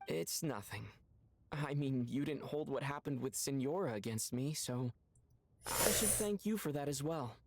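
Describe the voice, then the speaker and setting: A man voicing a friendly young video game character who speaks in a mild, matter-of-fact way, with a husky voice. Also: medium pitch, expressive, moderate pace, background noise, lightly acted.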